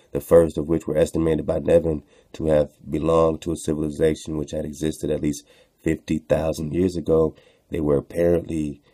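With an extremely deep pitch and a dark tone, free of echo, this man hosts a radio show. He reads texts on air with casual commentary, preaching rhetorically and repeating phrases to drive points home.

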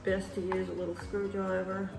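A woman in her thirties casually showing a small repair at home while she works, pausing as she goes. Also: medium pitch, vocal fry, reverberant, over music, low-quality recording. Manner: relaxed, talks while working with her hands, trailing pauses. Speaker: DIY vlogger. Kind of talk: casual how-to demonstration. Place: home kitchen, indoors. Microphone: camera mic across a counter.

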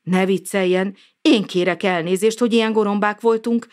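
A woman voicing a brisk, indignant animal father in a storybook, scolding quickly. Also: mid-range voice, steady tone, darkish tone, pitched above the performer's own voice, close to an everyday voice. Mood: stern.

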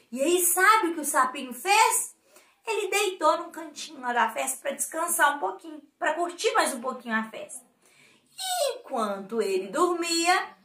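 Bright, animated Brazilian teacher telling a story. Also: female voice, high voice. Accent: Brazilian Portuguese. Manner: animated, questioning the children. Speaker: preschool teacher. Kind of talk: storytelling for small children. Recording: echoey room.

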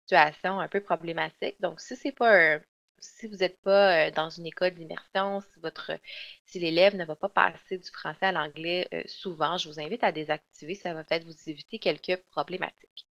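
Woman, software webinar trainer, hesitant fillers, dull lo-fi online audio. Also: lowish voice, fairly even intonation, normal speed. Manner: explanatory, with frequent fillers and restarts. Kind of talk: webinar presentation.

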